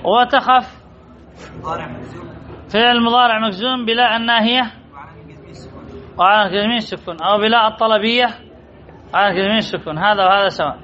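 Reading from a text in a dull, lo-fi classroom recording, a man teaches Arabic grammar in a high voice. He talks a little fast but leaves long pauses, repeating key terms and calling on students by name for answers.

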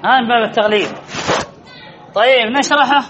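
A man's voice: extremely high pitch, a little fast, a bit bright, highs cut off. A man teaching grammar to a class, repeating each answer and asking the pupils questions. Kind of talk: classroom lesson with questions to students.

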